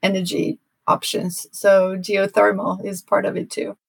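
A woman from Norway, speaking as a guest in a casual interview and explaining things in a measured way. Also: medium pitch, completely flat delivery, creaky, slightly rough. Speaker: guest painter.

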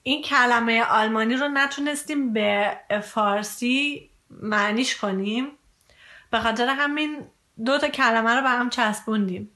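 A woman hosts a casual podcast in a fairly high, bright voice. She talks in a chatty way and leads the exchange, often prompting her partner. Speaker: podcast host. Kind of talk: casual co-hosted podcast chat.

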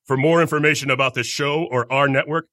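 A man reading a scripted network announcement in a crisp, formal manner. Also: medium pitch, steady tone, quick pace, bright, forceful tone, no room sound, studio quality.

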